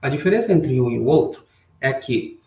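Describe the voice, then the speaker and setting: A man's voice: mid-range voice, lively intonation, muffled recording, slight background noise. Man teaching English, roomy distant mic. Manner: bilingual, repeats English phrases slowly for learners; chatty, greets chat viewers by name. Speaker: English teacher on a live stream. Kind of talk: live online English lesson. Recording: roomy sound, mic a bit far off.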